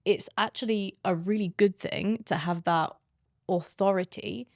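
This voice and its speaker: A woman's voice: medium pitch, fairly even intonation, a little slow, vocal fry, dry recording, clean studio sound. A woman hosting an interview, thoughtfully summing up her guest's points before she asks her questions. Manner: reflective, summarizing the guest's points. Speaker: podcast host.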